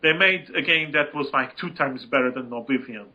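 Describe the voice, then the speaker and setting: A man's voice: medium pitch, moderate pace, sharp tone, dull audio. A man co-hosting a casual gaming podcast, rambling and emphatic, and swearing freely as he talks. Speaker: podcast co-host.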